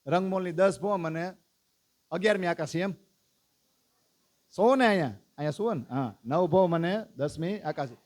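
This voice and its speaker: A man's voice: high voice, normal speed, pauses often. A man leading a devotional lesson, calling out lists and prompting the congregation to recite along. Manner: lively, calls out lists and prompts the audience to recite. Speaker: religious teacher.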